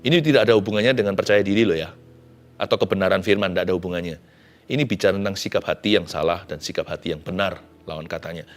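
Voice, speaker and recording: A man, a pastor, preaching a sermon in a conversational, animated way. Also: low voice, fast.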